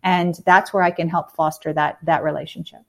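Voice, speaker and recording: Woman, guest, casual interview chat, fairly low voice, conversational with fillers. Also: flat delivery, a little fast. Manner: conversational, fillers, emphatic, laughs easily.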